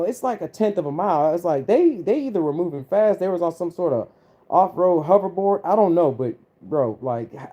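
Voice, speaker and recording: A man hosting a livestream, casually telling an eerie personal story and acting out the voices of the people in it. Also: fairly high pitch. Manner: animated, acts out quoted voices. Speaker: host.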